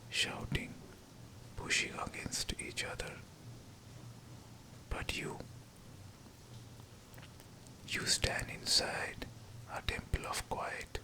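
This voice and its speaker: A man whispering a scripted pep talk of affirmations, in short, deliberate phrases. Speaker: guided affirmation narrator.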